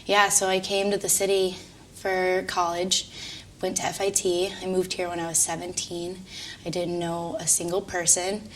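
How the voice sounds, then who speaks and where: A woman with a lowish, even voice talking casually and chattily, heard from some distance from the mic. Faint ambience sits behind her. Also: a little hiss or hum. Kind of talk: interview answer.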